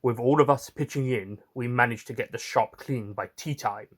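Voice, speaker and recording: In a mid-range voice at a moderate pace, a writer and narrator reads his first-person story in character. His delivery is theatrical, broken up by chatty asides to the audience.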